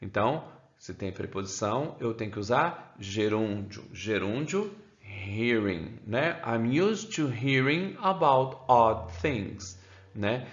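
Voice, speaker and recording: A man with a Brazilian Portuguese accent teaches an English grammar lesson, keeps adding "né?" and says the English examples slowly. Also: mid-range voice, lively intonation. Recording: roomy, dull lo-fi sound.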